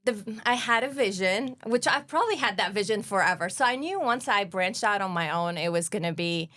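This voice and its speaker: A family doctor from Lebanon whose first language is Arabic talks earnestly as a guest in a casual interview. She speaks fast with many ums, in an expressive, mid-range voice with a bright, forceful tone and no echo.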